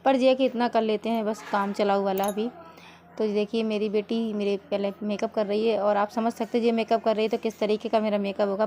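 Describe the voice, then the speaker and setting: Young woman, northern Indian, casual vlog narration, chatty, laughs often, fairly high voice. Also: warm tone. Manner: chatty, laughing often, talks to viewers directly. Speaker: family vlogger.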